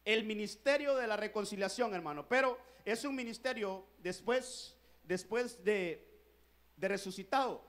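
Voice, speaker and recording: A man preaching a sermon as a pastor, earnestly addressing the congregation as brothers and swelling louder and slower on key points. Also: sits high. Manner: earnest preaching, repeating "hermano" often. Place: church.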